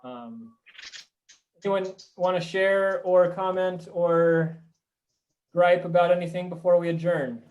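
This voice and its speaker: A man chairing a committee video call, thinking aloud with frequent pauses and ums. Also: sits high, steady tone, dull audio. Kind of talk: online meeting discussion.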